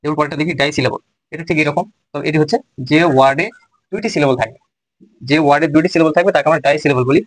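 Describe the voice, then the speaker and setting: Slow, repetitive male grammar teacher. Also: a little high, fairly bright tone, no echo, rough recording. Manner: slow, repeats phrases while writing examples. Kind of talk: Bengali grammar lesson.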